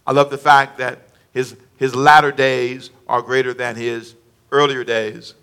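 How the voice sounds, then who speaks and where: A man's voice: medium pitch, level tone, a little slow, fairly bright tone, clear, resonant tone. A man preaching a conversational sermon, stressing points by repeating phrases and addressing the congregation directly.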